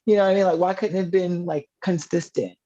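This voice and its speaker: A woman on a recap panel, sassy and animated, with playful exclamations. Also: fairly low pitch, fast, muffled recording. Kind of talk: casual recap chat.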